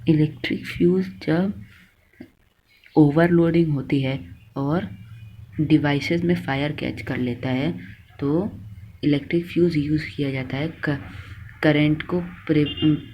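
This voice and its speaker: A man's voice: a little high, fairly even intonation, slow pace, long pauses, muffled recording, slight background noise. A man teaching a lesson, dictating notes to students word by word and correcting his own slips. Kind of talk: slow classroom lesson.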